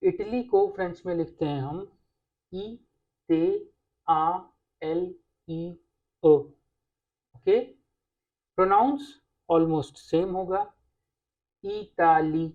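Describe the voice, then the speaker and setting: Slow, patient woman teacher. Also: on the low side, phone-quality sound. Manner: slow, patient explaining with frequent "okay". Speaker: French teacher. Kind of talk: online language lesson.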